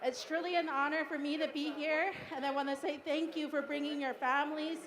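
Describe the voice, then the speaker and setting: A woman's voice: high voice, little pitch movement, a little fast. A woman from Arizona giving an earnest, formal greeting speech over a PA as a pageant titleholder. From Rock Point, Arizona, United States. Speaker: pageant titleholder addressing crowd. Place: powwow arena over PA. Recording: live PA with crowd behind.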